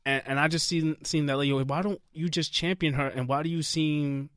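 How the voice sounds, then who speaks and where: A man's voice: a little high, steady tone, brisk, fairly bright tone, dry recording, studio quality. A man co-hosting a podcast in casual chat, easygoing and rambling, often restarting his sentences. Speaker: podcast co-host. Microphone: studio mic with headphones.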